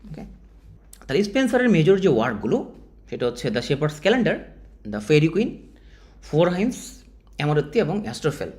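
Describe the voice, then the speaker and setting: A man's voice: on the high side, fast talker, long pauses. A man with a Bangladeshi Bengali accent giving an informal exam-prep literature lecture, talking straight to his students. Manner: animated, informal teacher, addresses students directly. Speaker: teacher.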